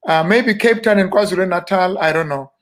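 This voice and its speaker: A South African man in his fifties, a minister, telling stories about growing up in a relaxed, self-deprecating way during an interview. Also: high voice, a little fast. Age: 50s. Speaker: guest minister. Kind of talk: casual interview reminiscing.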